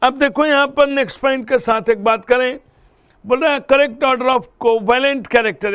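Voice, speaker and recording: A man's voice: extremely high pitch, fairly bright tone, clean tone. A man teaching a chemistry lesson, talking students through problems and often checking that they follow. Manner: addresses students as "beta", checks understanding often. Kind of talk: classroom lecture solving problems.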